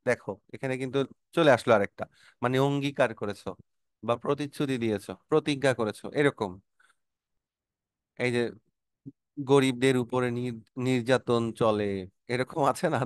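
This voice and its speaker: A man's voice: mid-range voice, smooth, no echo, studio quality. A man teaching a vocabulary lesson, calling out word lists with emphatic stress and explaining them patiently to students.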